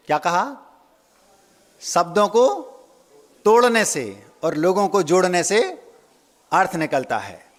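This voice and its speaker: A man's voice: high-pitched, long reverb tail. A Jain monk giving a sermon, playing with words, repeating key phrases and asking his listeners questions. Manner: asks the audience questions.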